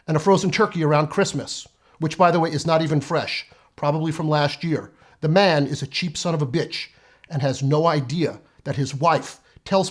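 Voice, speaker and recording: Husky sardonic man in his fifties. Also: sits high. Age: 50s. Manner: sardonic, profane, punchy delivery. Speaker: comedic essayist. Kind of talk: scripted comedic monologue.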